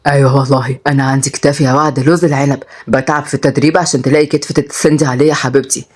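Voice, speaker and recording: A woman's voice: low voice, flat delivery, rapid-fire, husky, pitched below the performer's own voice. A woman voicing a teasing, joking young man who speaks with an Egyptian accent. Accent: Egyptian Arabic. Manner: mocking, playful.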